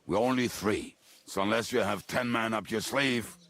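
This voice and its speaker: An actor playing a bitter, gruff henchman in a video game, heavily drunk, with a gravelly voice. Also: fairly low pitch, steady tone, normal speed, a bit bright, no room sound. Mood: grim. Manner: blackout drunk, slack drunken speech. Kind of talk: video game dialogue acting.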